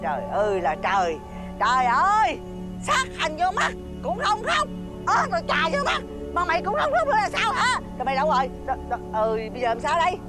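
A woman's voice: extremely high pitch, big pitch swings, fairly quick. An actress with a Southern Vietnamese accent playing a cruel, greedy village stepmother in a folk-tale TV drama, screeching scolding and threats. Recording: loud background music score.

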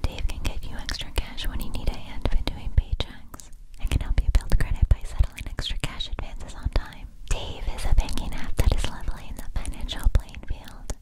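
A young woman softly whispering a scripted ASMR sponsor read in a breathy, unvoiced voice, enunciating carefully. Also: moderate pace. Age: young adult. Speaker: ASMR creator.

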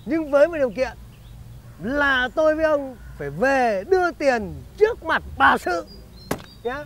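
A man's voice: very high voice, animated, measured pace, a bit bright, heavily acted. An actor playing a crafty, bossy male schemer in a comedy sketch, talking down to others. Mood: smug. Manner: bossy, ends phrases with a teasing "nhá". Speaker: comic actor.

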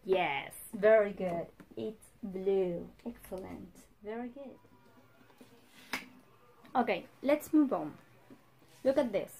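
A young woman, a native Spanish speaker, teaching English to young children in simple, emphatic phrases as if to a toddler, pausing for answers. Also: mid-range voice, gravelly, dark tone. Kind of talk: children's vocabulary lesson with repeat-after-me drills. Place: indoor room in front of a whiteboard.

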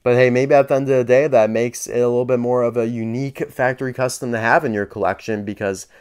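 A man's voice: mid-range voice, steady tone, fast talker, a little mellow, clear, resonant tone. A man chatting casually as he unboxes and reviews collectible toy cars, candid and dryly sarcastic.

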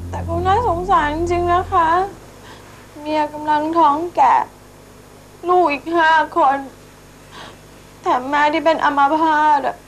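A woman voicing a soft-hearted female detective who soothes and stammers anxiously. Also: high voice, fairly even intonation, unhurried, long pauses, rough recording. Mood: sympathetic. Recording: loud music behind.

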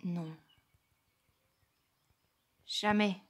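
A woman playing an online animal role-play game, chatting casually and teasing other players, with occasional quiet asides. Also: lowish voice, fairly even intonation, extremely slow, breathy edge. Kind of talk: casual gameplay commentary.

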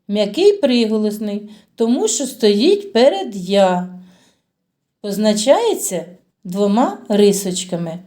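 Slow, lilting woman teaching young children. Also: a little high, mellow. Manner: slow, patient, sing-song questioning of children. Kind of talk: children's phonics lesson.

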